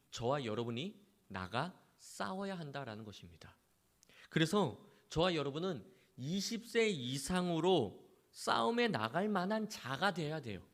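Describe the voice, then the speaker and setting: A male pastor preaching with a lively, swinging delivery that climbs for emphasis and drops low at the ends of sentences. His voice sits a little high for a man. He keeps urging his listeners, hammering each point with earnest repetition. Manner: emphatic preaching, repeated exhortations. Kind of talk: sermon.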